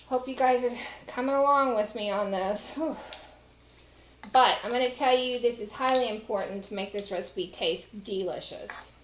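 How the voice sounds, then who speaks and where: Speaking a little high at a moderate pace, a middle-aged woman with a Texas accent demonstrates a recipe at home, chatting with viewers as she goes in a casual cooking show. The far camera catches the echoey kitchen, clattering dishes and a little hiss or hum.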